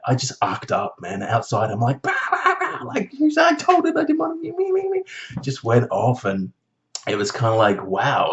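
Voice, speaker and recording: Casting note: man, casual vlog storyteller, animated and sweary, mid pitch, slightly dull lo-fi recording. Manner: animated, swearing, jumps to high mocking voices when quoting. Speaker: vlogger.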